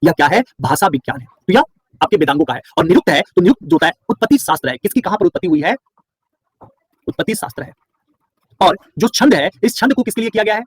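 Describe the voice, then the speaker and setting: A man's voice: sits high, big pitch swings, fast talker, slightly rough, dry recording. A male teacher from Bihar gives an online class lecture, quizzing his students and then answering each question himself, with words repeated for stress.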